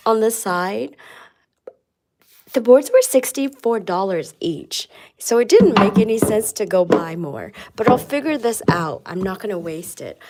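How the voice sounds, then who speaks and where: A woman chatting casually on a live stream while decorating her office, a bit hoarse from a cold and rambling with lots of ums. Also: mid-range voice, darkish tone. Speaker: vlogger.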